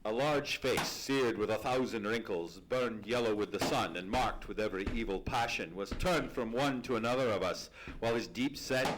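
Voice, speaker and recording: An actor playing a courteous gentleman doctor who narrates an old-time radio mystery in a measured, literary, theatrical way. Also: on the low side, lightly acted. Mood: dramatic, descriptive. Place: live on a theatre stage. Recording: noisy live stage recording, clicks.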